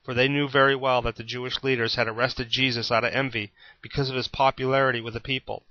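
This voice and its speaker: A man reads scripture aloud with a bright, forward tone. His delivery is steady and plain, like a storyteller. The recording is dry and slightly dull. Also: medium pitch, fast, no echo. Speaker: Bible reader. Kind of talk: scripted Bible reading.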